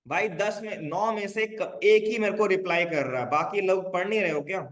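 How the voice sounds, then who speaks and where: Male coding tutor, high voice, casual check-in style, echoey room. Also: moderate pace, a bit bright. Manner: casual Hindi-English teaching, frequent check-ins with "bhai". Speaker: coding instructor. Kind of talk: live online coding class.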